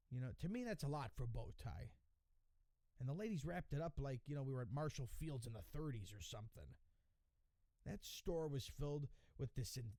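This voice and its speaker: A man's voice: a little high, vocal fry, mellow, dry recording. A man hosting a podcast, telling a comic story in a wry, exasperated and profane way. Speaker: podcast host. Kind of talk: comedic storytelling monologue.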